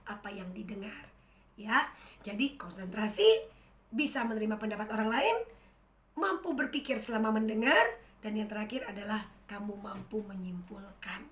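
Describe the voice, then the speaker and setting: A woman in her thirties, a university lecturer, giving a chatty, lively lecture straight to the camera in an empty room. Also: mid-range voice, roomy sound. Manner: lively, chatty, addresses students directly. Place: room without an audience.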